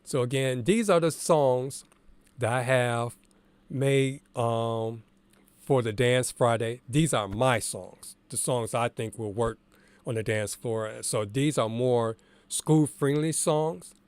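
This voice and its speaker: A man's voice: mid-range voice, takes it slowly, clean tone, dry recording. Congested man talking through his DJ prep. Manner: relaxed and candid, thinking aloud with fillers. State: congested from allergies, morning voice. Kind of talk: casual screen-share tutorial.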